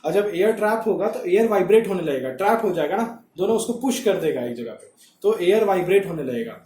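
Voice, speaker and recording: A male teacher explains a lesson in a high, mellow voice. He repeats each point and keeps asking his class whether they follow. The echoey room rings around him. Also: lively intonation, fast. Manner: repetitive, checks understanding with rhetorical questions. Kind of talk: classroom lecture.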